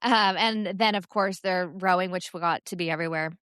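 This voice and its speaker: A woman's voice: on the low side, a little fast, fairly bright tone, clear, resonant tone, no room sound, clean studio sound. A woman co-hosting a podcast, chatting casually about sports with many fillers and laughs. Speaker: podcast co-host.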